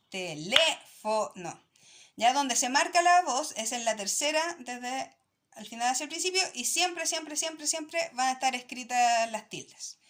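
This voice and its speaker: Patient teacher, high voice. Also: female voice, fairly bright tone. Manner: patient, checks in with "¿ya?" after each point. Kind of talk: recorded classroom lesson.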